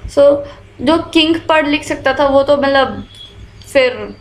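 High-voiced woman teaching Hindi-English lecture. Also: slow pace, roomy sound, rough recording. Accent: Indian English mixed into Hindi. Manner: explains with everyday examples, many fillers. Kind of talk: exam-prep history lecture.

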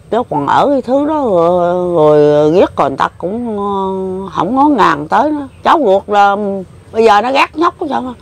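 Emotional older woman with a Southern Vietnamese accent. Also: medium pitch. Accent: Southern Vietnamese, Mekong Delta. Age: 70s. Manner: plain-spoken, repetitive, emotional. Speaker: interviewee. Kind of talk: casual rambling recollection.

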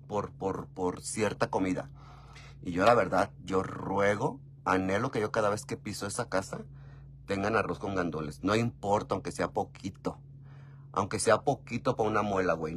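A man with a Mexican Spanish accent telling a casual, gossipy story, often calling the listener "mi amor", with big jumps in pitch and loudness. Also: a little hiss or hum. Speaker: vlogger.

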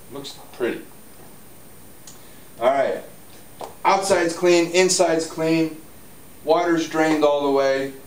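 A man in his forties who owns a hot tub store talks through a casual, upbeat how-to demo in a mid-range voice, walking and gesturing as he goes. A little hiss or hum is present. The setting is a large indoor spa showroom, and the roomy audio comes from a camera mic on a tripod some way off.

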